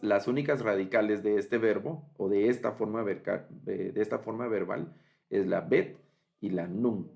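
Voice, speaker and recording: A man teaching a recorded online lesson, speaking slowly, repeating word forms and pausing with fillers. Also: on the low side, vocal fry, darkish tone. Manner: slow and repetitive, spells out forms with many fillers. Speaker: biblical Hebrew teacher.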